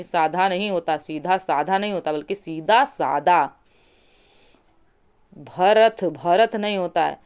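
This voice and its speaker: A woman teaching a Hindi spelling lesson, slowly repeating and spelling out each word. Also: mid-range voice, smooth. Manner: slow, deliberate, repeats and spells out words.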